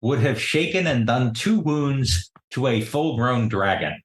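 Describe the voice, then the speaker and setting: Man narrating a game with a lively voice. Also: medium pitch, a little slow. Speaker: game master. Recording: roomy echo.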